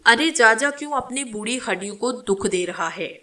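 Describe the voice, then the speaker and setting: A woman reading the lines of a vengeful female witch spirit in a dramatic story, taunting and giving rough commands. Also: on the high side, expressive, bright, forceful tone. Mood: scornful.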